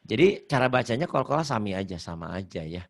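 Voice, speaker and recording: A man's voice: fairly low pitch, big pitch swings, fast talker. A man teaching Quran recitation rules in a casual online lesson, joking, repeating himself and chanting verses as he goes. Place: online video call.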